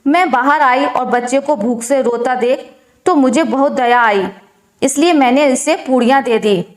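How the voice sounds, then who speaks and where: A kind young daughter-in-law, voiced by a woman storyteller, speaks softly and pleadingly in a high voice. A roomy echo hangs on the recording. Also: a little slow. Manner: soft, pleading.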